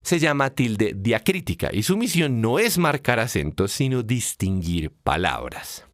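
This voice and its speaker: A man's voice: medium pitch, very animated, unhurried, dry recording, studio quality. A man narrating a scripted lesson on Spanish accent marks, telling it as a playful story with acted dialogue.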